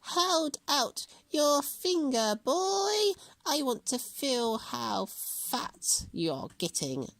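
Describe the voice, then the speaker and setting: Man putting on a shrill old storybook witch, wicked, screeching, slow drawn-out words, dry close sound. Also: big pitch swings, creaky, a bit bright, no room sound, exaggerated voice. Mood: cold.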